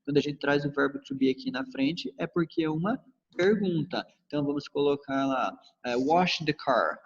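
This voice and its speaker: A man with a Brazilian accent teaching an English grammar lesson, calling himself teacher and slowly drilling example sentences. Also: on the high side. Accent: Brazilian Portuguese. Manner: calls himself teacher, switches between English and Portuguese, slow drilled examples. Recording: dull lo-fi with long reverb.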